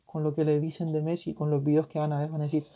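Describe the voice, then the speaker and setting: A tearful man with a Chilean accent hosting a solo podcast, ranting passionately and swearing, his voice swinging from loud to hushed. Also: on the high side, completely flat delivery, fast. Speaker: podcast host. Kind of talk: emotional solo podcast rant. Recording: dull lo-fi recording.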